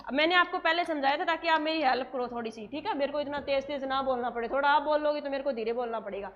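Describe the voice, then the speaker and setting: A woman's voice: high voice, fast, muffled recording. A woman teaching a nursing class in a lecture style, asking questions and answering them herself.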